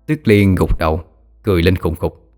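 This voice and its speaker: A man's voice: low-pitched, normal speed, darkish tone, soft background music. A man narrating a ghost story in a dramatic, vivid way. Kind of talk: scripted horror story narration.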